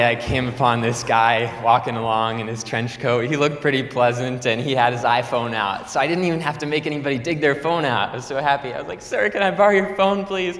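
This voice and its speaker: A young man from Nebraska with a mid-range, slightly bright voice tells a true story to an audience as a student speaker. He's chatty, laughs often and leans on lots of fillers, and the lecture hall echoes with a long reverb.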